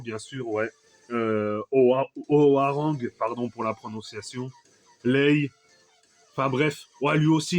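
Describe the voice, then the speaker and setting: A French man chatting casually about an old video game, rambling with many fillers and restarts. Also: mid-range voice. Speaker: retro game collector vlogger. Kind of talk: casual chat.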